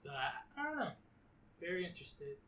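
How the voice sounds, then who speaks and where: A man co-hosting a casual podcast, relaxed, telling stories that trail off softly. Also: extremely high pitch, normal speed, vocal fry. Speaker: podcast co-host. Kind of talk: casual chat. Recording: distant mic with faint noise and room ambience.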